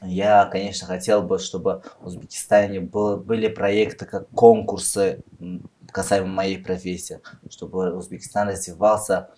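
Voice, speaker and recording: Low-voiced man with an Uzbek accent. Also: fairly even intonation, normal speed, mellow. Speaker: podcast guest, beauty industry professional. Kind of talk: conversational interview answers.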